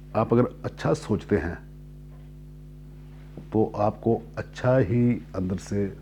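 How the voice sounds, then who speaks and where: A man telling a motivational story at an unhurried pace, repeating and rephrasing his lines as he goes and clearing his throat now and then. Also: on the low side, mellow, a little hiss or hum.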